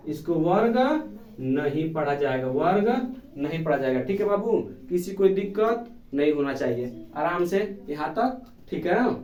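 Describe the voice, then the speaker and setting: A man's voice: high-pitched, mellow, recorded from a distance, dull audio. A man teaching a basic math lesson to children, asking questions and answering them himself in a patient, repetitive way. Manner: calls pupils "babu", affectionate. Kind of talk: classroom lesson. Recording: echoey room, voice from off the mic.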